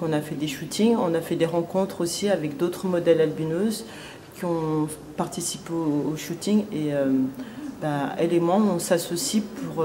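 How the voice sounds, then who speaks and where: A woman in her thirties from Cameroon who heads an association, speaking hesitantly in an interview. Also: sits low. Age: 30s. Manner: hesitant, many fillers. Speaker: association president. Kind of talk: interview testimony. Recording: noisy ambience behind.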